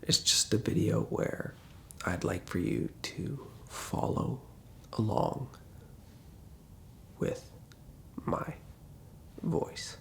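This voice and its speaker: A man hosts guided relaxation in a soft, breathy ASMR whisper. His delivery is very unhurried and creaky, with gentle instructions and long pauses. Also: on the low side, lively intonation. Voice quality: hushed, breathy. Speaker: ASMR host.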